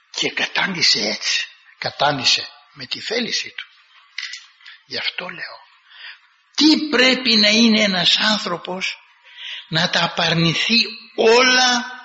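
A male preacher delivers a sermon in a very bright, sharp, somewhat high voice. He tells his stories vividly and acts out the quoted dialogue in a raised voice. A dull recording carries a long reverb, as in a large hall. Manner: lively storytelling, acting out quoted dialogue in a raised voice.

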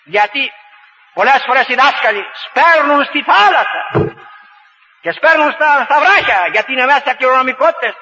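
A male preacher tells a folksy story as a sermon, with repeated phrases and rising exhortations. His voice is very high and very bright. It sounds like a dull radio broadcast with long hall reverb. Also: lively intonation.

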